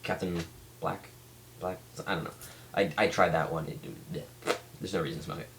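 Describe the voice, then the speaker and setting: A man giving a casual, rambling product review as a vlog reviewer, speaking haltingly and often restarting his sentences. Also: low-pitched, fairly even intonation, gravelly, background noise. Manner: halting, with many restarts and trailing thoughts. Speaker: pipe tobacco reviewer.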